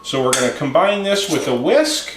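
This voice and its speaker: A man leading a home cooking demonstration, calmly explaining each step to a child in a kitchen. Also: on the high side, normal speed, background noise. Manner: calm, explaining steps to a child. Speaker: home cook. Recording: roomy kitchen echo.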